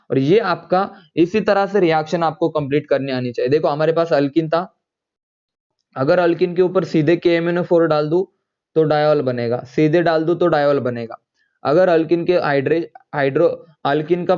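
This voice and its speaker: Male chemistry teacher, a bit high-pitched, drills students with questions, lo-fi sound. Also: mellow, clean tone. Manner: repeats points, quizzes students with quick questions. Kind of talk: online chemistry lecture.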